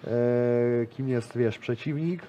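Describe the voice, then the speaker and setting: A grappler in his thirties, interviewed in a small studio with a decorated wall, talks casually and rambles with plenty of fillers and restarts. His voice is medium-pitched, slow and mellow, with lo-fi sound.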